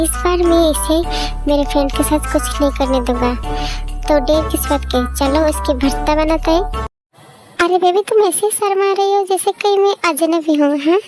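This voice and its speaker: A woman reading a fan fiction audio drama, voicing every character herself with quick, emotional dialogue. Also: high-pitched. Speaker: fan story narrator.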